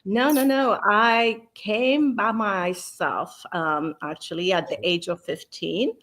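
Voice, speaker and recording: A woman, telling her story at a measured pace as an interview guest. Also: mid-range voice, fairly even intonation, a bit bright. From Ethiopia. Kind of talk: interview conversation.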